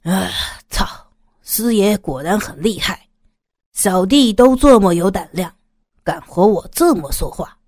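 A woman voicing an arrogant, fat, middle-aged male gangster boss who talks in a cold, menacing, swaggering way, with lively pitch in a dry recording. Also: a little slow, no room sound.

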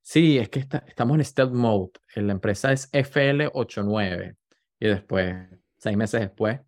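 A man who is a podcast guest, talking in a relaxed, joking way. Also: fairly low pitch, moderate pace, no room sound, studio quality. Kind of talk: casual interview chat. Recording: faint music in the background.

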